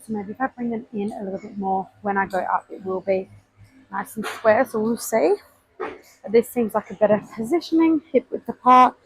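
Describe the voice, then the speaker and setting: A woman's voice: medium pitch, breathy edge, rough recording. A woman vlogging her gym workout on a body-worn mic, counting her reps aloud and explaining technique while out of breath between sets. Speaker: fitness vlogger. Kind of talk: casual workout vlog with coaching tips. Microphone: clip-on mic worn on body.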